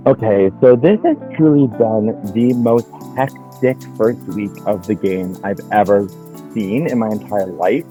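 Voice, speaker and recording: A man's voice: on the low side, measured pace, dark tone, soft background music, low-quality recording. A man speaking in a game confessional, frank and exasperated about his chaotic team. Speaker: contestant.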